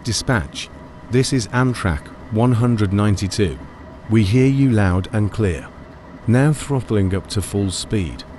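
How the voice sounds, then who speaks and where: A man voicing a male passenger train engineer who answers loudly and slowly over a radio transmission. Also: fairly low pitch, a little hiss or hum.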